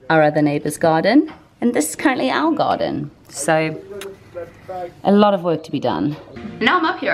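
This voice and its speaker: Chatty young woman vlogging. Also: fairly low pitch. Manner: chatty, self-deprecating, lightly swearing. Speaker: home renovation vlogger. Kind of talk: casual vlog chat to camera. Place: indoors at home, renovation rooms. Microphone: handheld camera or phone at arm's length.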